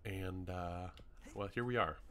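This gaming YouTuber, a young man from Canada, speaks low and a little slowly with a fairly bright tone. He gives casual, rambling commentary on a game build tour, chatty and packed with ums, while hiccups hit and his voice begins to fail.

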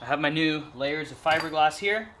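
A young man chatting casually in a garage workshop vlog, self-deprecating and quick to laugh. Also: a little high, noisy background. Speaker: vlogger.

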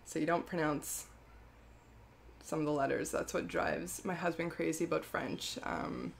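A woman with a somewhat low voice chats casually about her skincare brand. She rambles and stops to correct herself, with plenty of fillers along the way. She often breaks into laughter in the middle of a sentence. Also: unhurried, creaky, a little hiss or hum. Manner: chatty and rambling, many fillers and self-corrections. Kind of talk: casual product vlog.

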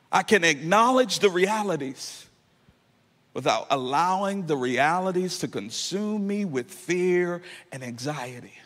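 A pastor in his thirties preaches a sermon from a church stage into a handheld mic, climbing into impassioned, half-sung peaks. His voice is fairly high and fairly bright. A long hall reverb surrounds the recording.

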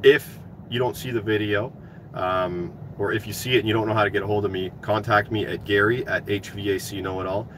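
A man's voice: fairly low pitch, steady tone, brisk. A man in his thirties chatting casually to viewers on a livestream in a laid-back way, hosting a giveaway. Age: 30s. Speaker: trade YouTuber hosting a giveaway. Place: inside a parked work truck cab. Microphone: phone at arm's length. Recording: clear vehicle and outside noise.

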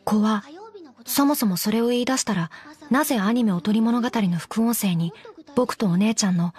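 An actress voicing a deadpan undead doll girl who teases dryly in an in-character anime commentary. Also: fairly high pitch, normal speed, lightly acted. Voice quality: flat, emotionless delivery. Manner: teasing, dry deadpan jokes. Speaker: commentary co-host.

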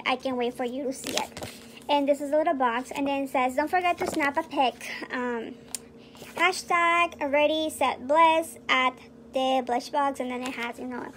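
A young woman chatting casually as she unboxes and reviews beauty products, excitable and gushing. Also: high-pitched, background noise. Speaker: beauty vlogger.

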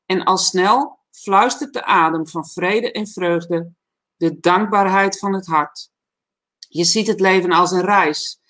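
A woman hosting a livestream talk show, reading a reflective text aloud in a calm, measured way and then chatting casually. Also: medium pitch.

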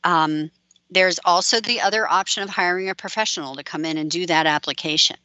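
A woman's voice: lowish voice, fairly quick, sharp tone, dry recording, muffled recording. A woman extension educator answering audience questions in a practical, plain-spoken way.

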